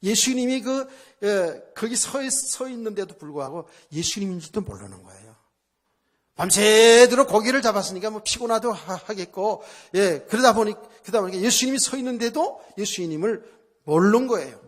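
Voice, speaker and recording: A man's voice: high-pitched, lively intonation, moderate pace. A male pastor preaching a sermon at a church service, in a conversational style, asking the congregation rhetorical questions and repeating phrases for emphasis.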